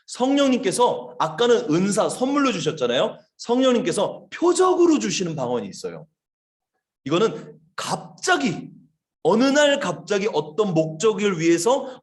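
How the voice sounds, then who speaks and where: Lively man preaching to children. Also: high-pitched. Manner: lively storytelling, asks children questions. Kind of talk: children's sermon. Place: church service, online.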